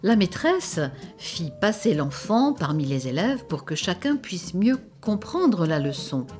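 A woman reading a children's story aloud in an expressive, dramatic way. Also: on the low side, a little slow, faint music behind.

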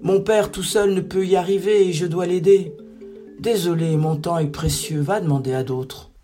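A dutiful young man of the village, son of the chief, declining with measured courtesy, played by a narrator. Music plays faintly behind. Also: medium pitch, steady tone, mellow, lightly acted. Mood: polite. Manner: measured, politely refusing.

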